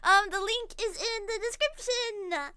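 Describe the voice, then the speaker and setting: A woman streaming as a VTuber, chatting casually while gaming, excitable and rambling with frequent giggles. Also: very high voice, a little slow, very noisy.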